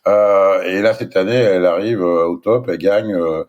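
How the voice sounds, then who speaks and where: A man, a sailing race director, giving his assessment of a sailor in a measured way. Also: low voice, steady tone, darkish tone, highs cut off. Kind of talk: casual interview chat.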